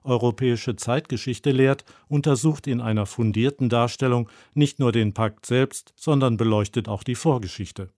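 Guy narrating a radio book review, middle pitch, measured, super dry sound. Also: a little mellow, no room sound. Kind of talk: scripted narration.

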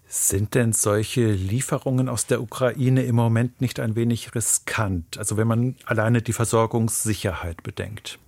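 A man's voice: mid-range voice, steady tone, gravelly, a little mellow, no room sound. Man presenting radio news, dry studio. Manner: measured, probing questions. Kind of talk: radio interview questions.

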